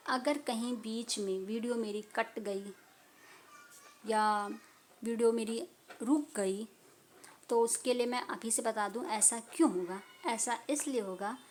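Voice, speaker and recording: A woman's voice: a little high, a little hiss or hum. A woman tutor talking casually to viewers while reviewing a medical book, chatty and teacherly, recorded on a phone at home. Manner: chatty, teacherly, laughs and apologizes often.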